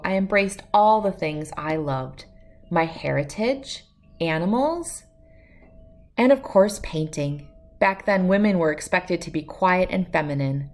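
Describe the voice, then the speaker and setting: A woman with a lowish voice reads a children's picture book aloud as a first-person story, narrating expressively with clear phrasing.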